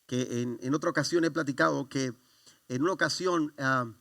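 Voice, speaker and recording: A man's voice: medium pitch, moderate pace, vocal fry, fairly bright tone, no echo, studio quality. A man, preaching a sermon in church and telling a personal story with many restarts and fervent exclamations. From Mexico. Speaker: pastor.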